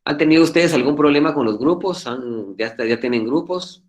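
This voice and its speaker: A man teaching an online law class over a video call, talking fast in an earnest, fatherly, repetitive way. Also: on the high side. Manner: talks fast, admits he speaks too quickly. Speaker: law professor.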